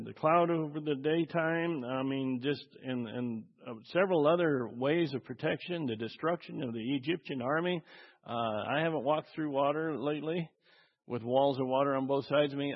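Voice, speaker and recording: A man preaches a sermon in a chatty, conversational way, throwing questions out to the congregation and pausing often with fillers. His voice sits fairly high for a man. Long reverb fills a large church hall, and the audio is muffled and dull. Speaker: pastor.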